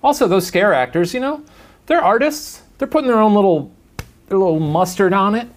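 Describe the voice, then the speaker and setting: A man's voice: high voice, animated, fairly quick. A young adult man co-hosting a casual talk show, joking around and laughing often. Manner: playful, laughs often, jokey asides. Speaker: co-host. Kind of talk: casual chat.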